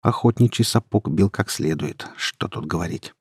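Young male narrator, husky, lively delivery, dry close sound. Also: deep voice, moderate pace, no echo. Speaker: audiobook narrator. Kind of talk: first-person story narration.

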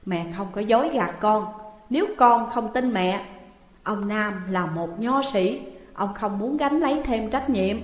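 A woman's voice: mid-range voice, measured pace, lightly acted. A woman voicing a stern, protective mother. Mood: firm. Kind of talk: audiobook reading. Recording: echoey room with long reverb.

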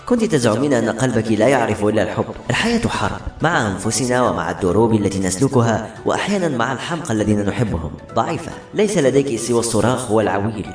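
A man's voice: lowish voice, big pitch swings, rapid-fire, hardly any pauses. A man voicing an arrogant, hateful husband and father who speaks with scorn and contempt. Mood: scornful. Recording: roomy echo, faint music behind.

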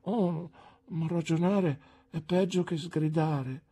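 Woman reader does a childish tearful young wife, pitched high, husky, plaintive. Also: normal speed, warm tone. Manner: pleading, plaintive and breathless.

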